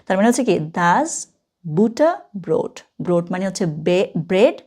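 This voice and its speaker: Woman as an online German tutor, patient, spells words out slowly, keeps asking if students follow. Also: medium pitch, expressive, a little mellow. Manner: code-switching teacher, checks in with "ঠিক আছে?" often. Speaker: German teacher. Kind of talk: online language lesson.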